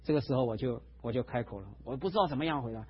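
A male pastor preaching a sermon, telling a personal testimony in an animated storytelling way, in a dull lo-fi recording. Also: medium pitch, very fast, slightly rough. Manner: animated storytelling, acts out quotes.

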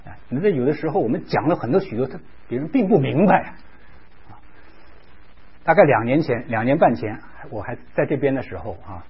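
A man's voice: mid-range voice, expressive, brisk, breathy edge. A man preaching a sermon, telling a story with animation, acting out quoted voices, and dropping in English words. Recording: dull lo-fi recording.

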